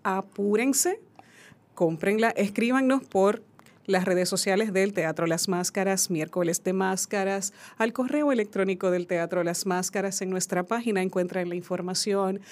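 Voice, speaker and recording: A woman's voice: mid-range voice, normal speed, darkish tone. A woman from a theater announcing an event on a radio show, upbeat and promotional. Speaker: theater representative. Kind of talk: casual chat, announcing. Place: radio studio.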